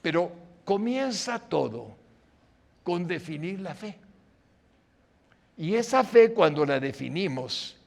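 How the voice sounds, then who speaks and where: An older man preaching as a pastor, acting out short dialogues and swinging between loud exclamations and hushed lines. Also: high-pitched, sing-song, takes it slowly, vocal fry, pauses often. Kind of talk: sermon.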